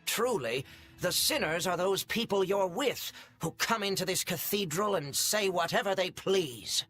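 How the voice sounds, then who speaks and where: An actor playing a remorseful, weeping male cathedral priest in a video game, with a breathy voice and a pleading manner. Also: high voice, lively intonation, a little slow, fairly bright tone, heavily acted. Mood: stern. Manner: pleading, emotional. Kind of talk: game voice acting. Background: game music.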